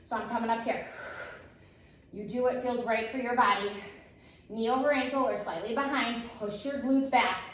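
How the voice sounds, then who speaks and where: A woman coaching a workout like an aerobics instructor, giving short, encouraging, energetic cues as she exercises. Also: on the high side, moderate pace, long pauses. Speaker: fitness instructor leading a workout. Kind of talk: aerobics instructor cueing and counting down. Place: echoey room, exercising while talking. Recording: very echoey room, distant microphone.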